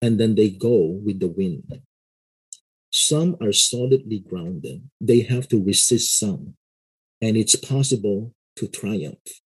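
A middle-aged man, a pastor and seminary lecturer, explaining his views in a casual interview in a measured way, often adding "you know". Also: fairly low pitch, expressive, a little mellow, slightly rough, poor audio.

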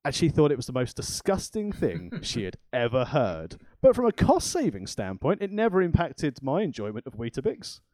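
A man's voice: mid-range voice, wildly swooping pitch, normal speed, hardly any pauses, warm tone, dry recording. A man co-hosting a cooking podcast in a chatty, rambling way with self-deprecating asides. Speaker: podcast co-host. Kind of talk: casual chat.

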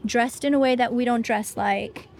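A woman talking as a guest in a casual conversation, animated and chatty with lots of fillers. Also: a little high, moderate pace, slight background noise. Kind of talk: casual conversation about faith.

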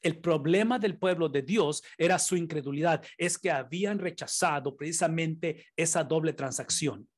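A man's voice: fairly high pitch, moderate pace, hardly any pauses. A man preaching a sermon, emphatic, repeating key phrases and shifting pace often.

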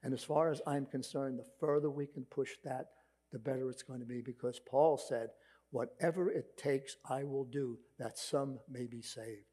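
A man's voice: mid-range voice, steady tone, moderate pace, dark tone, husky. A man with a Brooklyn accent preaching a sermon as a pastor, emphatic yet conversational, posing rhetorical questions. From Brooklyn, New York.

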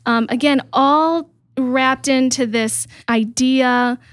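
A woman's voice: sits high, fairly even intonation, slow pace, dry recording. Bubbly woman hosting a podcast. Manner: enthusiastic, chatty, frequent fillers. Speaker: podcast host.

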